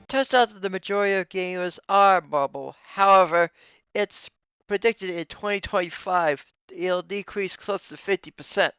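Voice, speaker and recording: A man's voice: high voice, a bit bright, clear, resonant tone. A man reading a scripted rebuttal as a commentator responding to a video.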